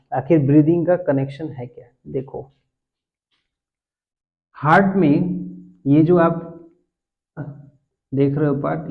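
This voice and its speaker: A man teaching biology who keeps asking his class questions, answering them himself and checking that they follow. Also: mid-range voice. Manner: mixes English science terms into Hindi; keeps checking understanding with tag phrases. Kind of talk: classroom lecture. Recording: tinny phone-like sound.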